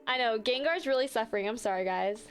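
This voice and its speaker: A young woman with a slightly high voice chats casually on a livestream, rambling with lots of fillers and quick apologies. Faint music plays behind her. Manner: chatty, apologetic, frequent fillers. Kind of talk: casual live-stream chat. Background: faint background music.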